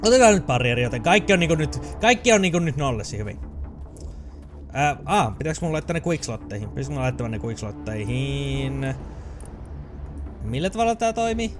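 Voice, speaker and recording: Excitable Finnish gamer, lively pitch. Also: male voice, over music. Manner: excitable, chatty, swears and laughs often. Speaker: gaming channel host. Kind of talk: let's play commentary.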